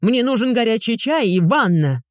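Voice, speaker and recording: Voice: mid-range voice, lively intonation, moderate pace, no room sound, clean studio sound, voice pushed up, natural voice. A reader voicing a grown man, a whining, demanding, pompous ex-husband, in an audiobook. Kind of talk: audiobook dialogue.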